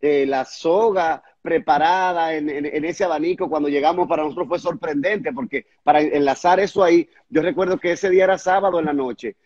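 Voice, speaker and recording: A pastor telling a testimony in an earnest, conversational way, stumbling over and repeating words at the hardest moments. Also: male voice, fairly high pitch, brisk, hardly any pauses, darkish tone, muffled recording. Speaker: pastor and guest recounting a testimony.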